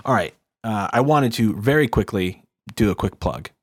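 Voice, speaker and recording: Low-voiced man hosting a casual podcast. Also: lively intonation, moderate pace, breathy edge, no echo, clean studio sound. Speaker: podcast host. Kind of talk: casual solo podcast chat.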